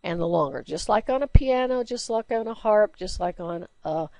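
This woman teacher sounds expressive and a little mellow, speaking at a moderate pace with no room sound in her recorded slide lecture. Chatty throughout, she explains with everyday examples and questions, and describes herself as a low alto singer.

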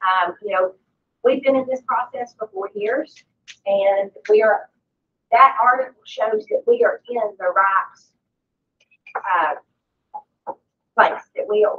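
A woman's voice: mid-range voice, unhurried, long pauses. A woman raised in the country, leading a board meeting and speaking with enthusiasm and some teasing. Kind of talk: meeting remarks. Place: conference room. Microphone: far room mic. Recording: distant, dull room recording with faint noise.

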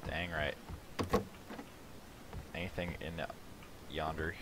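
A man's voice: a bass voice, steady tone, slow pace, noisy background. A man hosting a casual let's play, thinking aloud with rambling, self-mocking asides. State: sleepy, yawning at the start. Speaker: gaming channel host.

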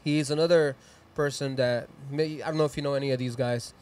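Brisk and darkish, with a mid-range pitch and fairly even intonation, this Mexican-accented man in his thirties runs a live music stream. He holds a handheld mic in a small decorated studio room indoors, rambling cheerfully through casual chat and shout-outs and promoting sponsors and socials.

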